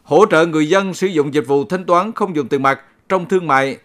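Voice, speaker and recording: A man with a somewhat high-pitched voice presents local radio news. He reads from a script in a formal announcer's style, keeping his delivery measured and orderly. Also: a bit bright.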